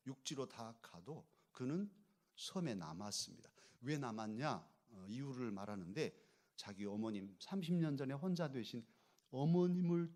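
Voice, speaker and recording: A male pastor delivers a sermon in a church sanctuary, his voice sitting at a medium pitch. He tells a story in a conversational way, then climbs to fervent, emphatic peaks. Now and then he prompts the congregation to repeat phrases back to him. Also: darkish tone. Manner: storytelling with rising fervor, leads congregation in repeating lines.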